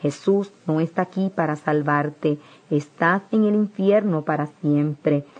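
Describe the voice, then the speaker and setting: Mocking male demon, read by a woman, dark timbre, lo-fi sound. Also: sits low, measured pace. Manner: taunting.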